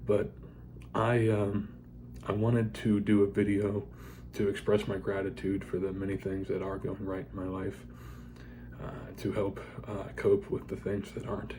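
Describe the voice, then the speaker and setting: An American man in a casual, confessional vlog, talking haltingly and in a subdued way with a dental retainer in his mouth. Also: sits low, completely flat delivery, background noise. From United States. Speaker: vlogger.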